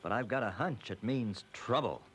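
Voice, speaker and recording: A man's voice: medium pitch, animated, normal speed, fairly bright tone, a little hiss or hum, close to an everyday voice. A man playing a steadfast, wary submarine captain, earnest and firm, in a vintage puppet adventure series.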